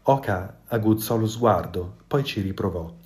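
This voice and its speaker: A man reading a children's storybook aloud in a calm, measured way. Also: lowish voice, slight background noise.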